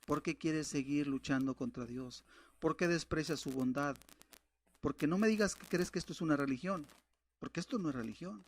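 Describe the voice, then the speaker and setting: A preaching man with a fairly high voice delivers a fervent sermon. He reads scripture aloud and speaks straight to the listener, rising to loud exhortation and dropping to quiet warnings. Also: moderate pace.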